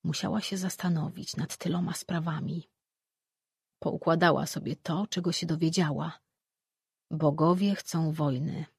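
Audiobook narrator, steady scripted narration, husky, dry recording. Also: medium pitch, measured pace, dry recording.

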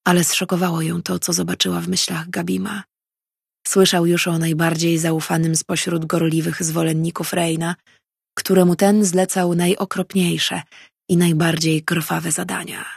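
Woman narrator, audiobook reading, very husky, low, dry close sound. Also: flat delivery, normal speed, no room sound.

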